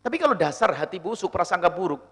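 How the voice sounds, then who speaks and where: High-pitched guy preaching, super lively, bounces all over the place, acts out little bits of dialogue. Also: fast talker. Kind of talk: sermon answering a question.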